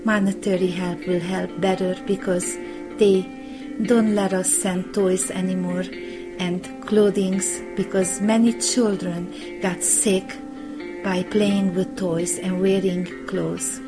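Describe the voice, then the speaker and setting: Romanian lady doing a charity appeal, real slow, earnest, guitar playing behind her. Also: medium pitch, level tone, rough recording. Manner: slow, plain, earnest, non-native grammar. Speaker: charity founder. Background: guitar music.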